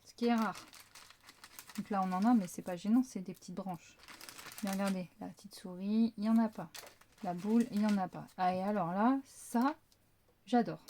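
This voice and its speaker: A woman's voice: medium pitch, normal speed, pauses often, mellow, slight background noise. A woman showing her crafting finds in a casual, rambling haul chat, full of fillers. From France. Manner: chatty, rambling, many fillers. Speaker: craft vlogger.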